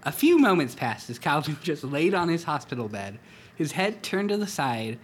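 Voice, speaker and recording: A man hosting a comedy podcast, reading a story aloud and breaking off for dry, halting asides. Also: a little high, very animated, slight background noise. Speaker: podcast host.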